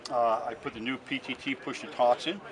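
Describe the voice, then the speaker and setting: Outdoors at a busy swap meet, a hobbyist restorer is interviewed and explains technical work step by step in a casual, matter-of-fact way. His medium-pitched voice is steady and a little fast. The on-location recording picks up a loud crowd.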